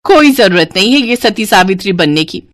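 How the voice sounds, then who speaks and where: Woman doing a shrill, scheming sister-in-law. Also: lively intonation, a little slow. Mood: scornful. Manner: whiny, accusing, sharp.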